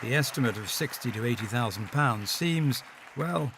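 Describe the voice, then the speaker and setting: A man reading a scripted news documentary voice-over in a measured, deliberate way, pausing for effect. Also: medium pitch, expressive, noisy background. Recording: music and crowd under voice-over.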